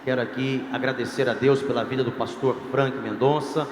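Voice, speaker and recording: This male pastor's voice is medium-pitched and steady, moving at a moderate pace as he preaches to a youth congress with an emphatic, rising cadence. Captured in a large, echoey congress hall, the audio has slight background noise and faint crowd ambience.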